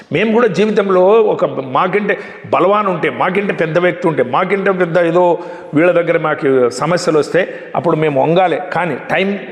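A man telling religious stories in an emphatic, animated sermon. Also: high voice. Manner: emphatic, animated retelling with frequent restarts. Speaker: religious speaker. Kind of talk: storytelling sermon. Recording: echoey hall.

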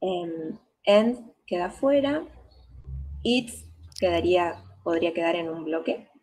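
A woman's voice: on the low side, lively intonation, takes it slowly, darkish tone. A woman student answering in class, hesitant and full of "eh" fillers, mixing Spanish with English phrases. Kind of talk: class participation.

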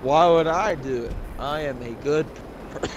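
A man's voice: fairly high pitch, moderate pace, background noise. A man recording himself gaming with a friend, laid-back and teasing in casual banter.

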